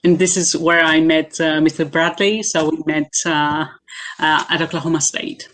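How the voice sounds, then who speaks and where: A Greek assistant professor answers questions as a guest in a casual video-call interview. Her low, deep voice is steady and fairly bright, and she speaks in a measured way, often pausing and hesitating to collect her thoughts, with slight background noise.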